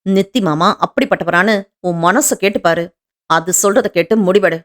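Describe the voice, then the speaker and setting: A woman voicing a sharp-tongued young sister who scolds briskly and insistently. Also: lowish voice, lightly acted. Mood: scolding.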